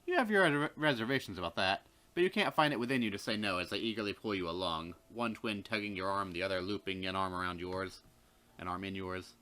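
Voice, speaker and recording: A man's voice: low-pitched, quick pace, sharp tone. A man co-hosting a game playthrough, reading the game's narration aloud and chatting. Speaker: let's play co-host.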